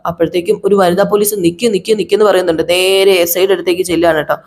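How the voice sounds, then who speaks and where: A woman's voice: fairly low pitch, steady tone, rapid-fire, vocal fry, a little mellow. A woman casually narrating the plot of a TV serial in a chatty, conversational way.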